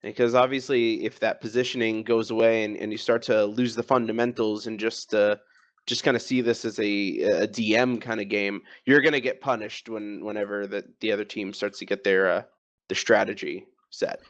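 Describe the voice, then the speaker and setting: A man giving live esports analysis in a hesitant way, often pausing and restarting his sentences. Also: fairly low pitch, fairly even intonation. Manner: hesitant, lots of fillers and restarts. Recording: dull lo-fi mic.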